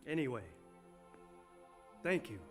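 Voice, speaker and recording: An actor playing a castle lord in a video game, giving formal, authoritative orders. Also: male voice, on the high side, lively intonation, takes it slowly, faint music behind. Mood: grave. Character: castle lord, commanding and grave.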